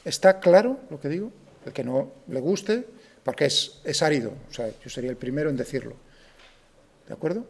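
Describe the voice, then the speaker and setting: A man with a Spain Spanish accent lectures a physics class in a slightly high, mellow voice. He raises the objections students might have, answers them, and keeps asking whether everyone follows. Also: lively intonation, moderate pace, creaky. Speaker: physics teacher.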